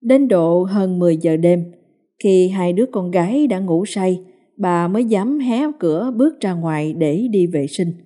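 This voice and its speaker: A woman reading a ghost story in a steady, dramatic storytelling manner. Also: lowish voice, measured pace. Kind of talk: scripted ghost story narration. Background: soft music.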